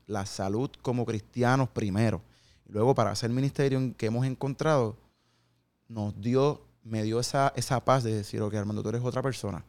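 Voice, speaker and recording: A man in his thirties gives a heartfelt testimony in an interview. His voice is smooth and clear, at an ordinary pitch, and he acts out the conversations he remembers with slangy asides. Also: darkish tone. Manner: earnest storytelling with quoted dialogue, slangy asides.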